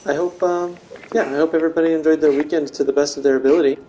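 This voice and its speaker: A man's voice: a little high, steady tone, very fast, warm tone, slight background noise. A man streaming a video game, chatting casually and joking with his audience in a rambling way. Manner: joking, rambling, talks to chat. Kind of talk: casual live-stream chat while gaming.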